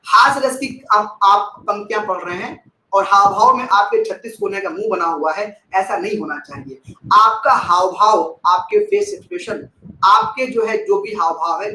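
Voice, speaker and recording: A man teaching a live online class, explaining with expressive emphasis, repeating key phrases and thanking viewers by name as he reads the chat. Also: high-pitched, roomy sound, slight background noise, rough recording.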